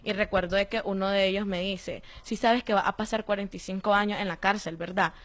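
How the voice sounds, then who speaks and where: A woman's voice: medium pitch, fairly quick. Young Nicaraguan woman recounting her story. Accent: Nicaraguan Spanish. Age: young adult. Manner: animated storytelling, acting out quoted voices. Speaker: interviewee, former detainee. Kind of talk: personal testimony.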